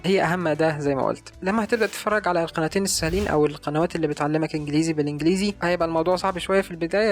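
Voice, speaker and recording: Egyptian guy talking super fast about learning tips, kinda high voice, faint music behind. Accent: Egyptian Arabic. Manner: rapid, earnest recommending. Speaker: language-learning YouTuber. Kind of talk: casual advice video.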